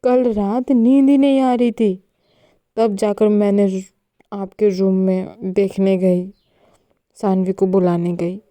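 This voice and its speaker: A woman's voice: medium pitch, fairly even intonation, takes it slowly, dark tone, no echo, lightly acted. A woman voicing an affectionate young woman in an audio story, speaking tenderly with pet names. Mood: apologetic.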